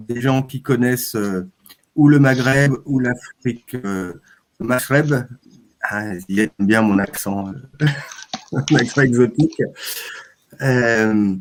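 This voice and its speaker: A man hosts a live chat stream in a relaxed, conversational voice of middle pitch. He pauses often and hesitates between phrases as he introduces his guests. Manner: hesitant, with frequent "euh" fillers. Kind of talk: casual live-stream talk.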